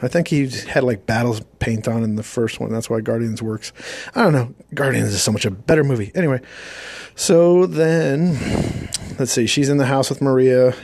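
A man's voice: medium pitch, normal speed, a little mellow, dry recording. A man giving a sarcastic, rambling recap of a movie's plot in a casual, mocking tone. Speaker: movie reviewer.

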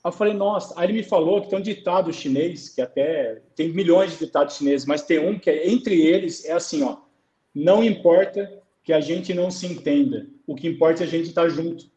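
A Brazilian man, a goalkeeper coach, recounting his experiences in a relaxed interview, acting out dialogue as he tells stories. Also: a little high, a little fast, echoey room, highs cut off. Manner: storytelling, acts out dialogue. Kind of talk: conversational interview on a live stream.

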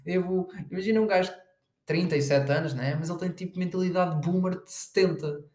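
A man's voice: sits high, brisk, a little mellow, echoey room. A young man with a European Portuguese accent, hosting a casual solo podcast in a rambling, slangy way, full of fillers. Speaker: podcast host.

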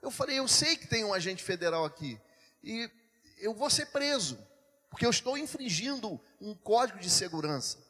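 A man's voice: sits high, big pitch swings, normal speed, sharp tone, husky, long reverb tail. A man preaching as a pastor, telling a testimony with emotion and addressing the congregation as brothers. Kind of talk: sermon testimony.

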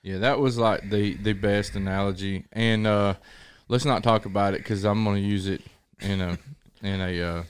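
A man's voice: fairly low pitch, steady tone, normal speed, slight background noise. A man co-hosting a podcast, chatting easily and chuckling as he talks. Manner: easygoing, chuckling. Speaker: podcast co-host and evangelist. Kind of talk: casual podcast chat.

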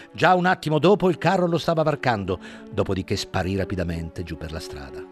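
A man narrating an audiobook in a dramatic, measured way. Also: lowish voice. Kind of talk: scripted narration.

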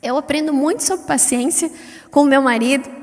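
A middle-aged woman preaches in a high voice, lively and chatty, swinging between loud peaks and soft asides. Long reverb from the church hall trails every phrase. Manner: lively, chatty, wide swings in pitch and loudness; self-described fast-paced. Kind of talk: sermon.

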